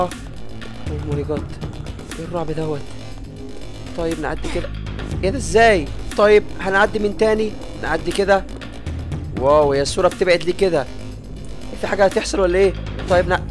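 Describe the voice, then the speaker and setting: An Egyptian-accented man gives rapid, excitable let's-play commentary. He gets jumpy and keeps addressing his viewers. Clear game music plays underneath. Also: high voice. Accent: Egyptian Arabic. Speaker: gaming YouTuber.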